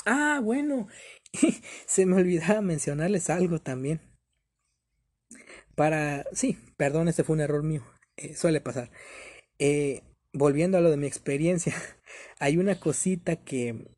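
A man's voice: fairly high pitch, warm tone, husky. A man telling a personal story to his viewers in a rambling way, full of fillers and emphasis. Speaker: vlogger. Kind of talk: storytime vlog.

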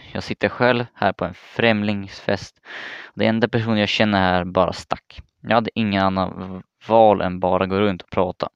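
A young man tells a personal story in a low, smooth voice. He talks casually and haltingly, often restarting his words. The recording is dry and a little muffled. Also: dry recording. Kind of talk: first-person story narration.

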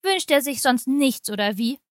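A woman voicing a pushy, irritable mother-in-law while reading a short story aloud, her speech loud and indignant. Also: high-pitched, expressive, moderate pace, no echo, clean studio sound. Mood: irritated, pushy.

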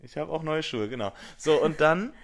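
A man's voice: a little high, moderate pace, vocal fry. Rambling young man telling a story. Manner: rambling storyteller, lots of fillers and repeated starts. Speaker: podcast co-host. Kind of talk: casual chat.

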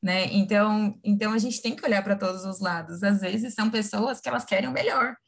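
A woman, explaining things in a lively, casual conversation, often asking her listeners "right?". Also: medium pitch, brisk, creaky. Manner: animated, acts out imagined quotes, frequent tag questions.

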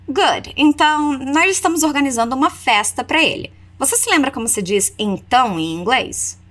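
Woman as English teacher, higher voice, very animated, slow modeled phrases then quick explanations. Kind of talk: language lesson with repeat-after-me drills.

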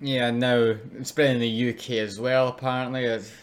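A man's voice: mid-range voice, little pitch movement, moderate pace. Chatty man with a mid-range voice. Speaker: podcast co-host. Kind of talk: casual podcast chat.

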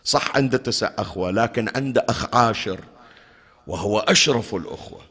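A male preacher giving a religious lecture in a mourning hall, animated and asking his audience questions. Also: fairly low pitch, fairly quick, breathy edge. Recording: long hall reverb.

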